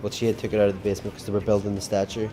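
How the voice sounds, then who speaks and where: A Northern Irish man talks loosely in an interview, rambling through stories with plenty of "you know"s. His voice sits very low. Loud music plays clearly behind him. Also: monotone, very fast. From Northern Ireland. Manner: chatty storytelling with fillers. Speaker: rock band drummer. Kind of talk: casual interview chat.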